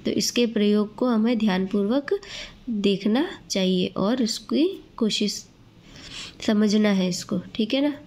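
A woman's voice: mid-range voice, unhurried, darkish tone. A woman teaching a grammar lesson to students. She explains step by step and keeps checking in with them.

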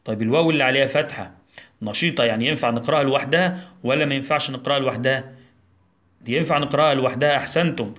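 A man with an Egyptian Arabic accent, a primary school teacher giving a recorded lesson for young children, who asks questions, answers them himself, and slowly sounds out syllables. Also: mid-range voice, fairly bright tone.

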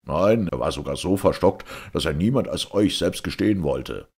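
A man's voice: low voice, animated, normal speed, darkish tone, husky, full character voice. A man voicing a fearful, servile police judge in a fairy-tale reading, making nervous excuses.

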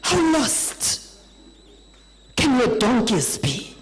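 A woman with a Zimbabwean accent preaching a conference sermon, emphatic, swinging between high peaks and low drops. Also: very animated, extremely slow, low-quality recording.

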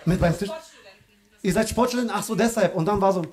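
A male stand-up comedian doing teasing, loud crowd work in a live club, with a slang manner. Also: high-pitched. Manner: teasing, loud, fast banter with slang fillers. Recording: live room with crowd laughter. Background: audience laughter.

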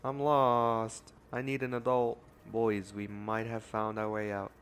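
Jumpy, swearing young gaming commentator. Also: male voice, fairly low pitch, level tone, moderate pace, clear, resonant tone. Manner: jumpy, swears a lot, yells when startled. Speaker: gaming YouTuber. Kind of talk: casual gameplay commentary.

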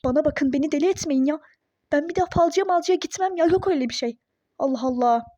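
A woman's voice: high voice, fast talker, dark tone, lightly acted. Woman voicing a fed-up young mother. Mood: exasperated. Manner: exasperated, snappish, sarcastic. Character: irritable young pregnant mother, fed up, skeptical. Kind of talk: phone-game role-play story.

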